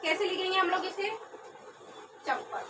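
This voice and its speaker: A young woman trainee teacher giving a classroom lesson, speaking slowly, repeating words and answering her own questions. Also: very high voice. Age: young adult. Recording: distant mic with background noise.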